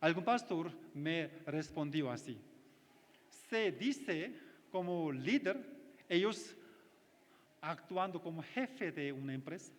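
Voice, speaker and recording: Slow-speaking high-voiced pastor in a reverberant hall. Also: male voice, expressive. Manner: simple non-native phrasing, frequent check-in questions. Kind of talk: sermon. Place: church retreat hall.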